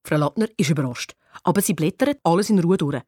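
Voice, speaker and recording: A woman narrating a children's audiobook in an expressive, playful way. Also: on the low side, fast, breathy edge, no room sound, studio quality.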